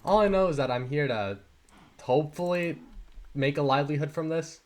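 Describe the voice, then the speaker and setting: A man's voice: on the high side, moderate pace, a little mellow. A teenage boy rambling through self-deprecating commentary while playing a game, trailing off into mumbled asides and restarts. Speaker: gaming channel host. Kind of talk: rambling Minecraft let's-play commentary.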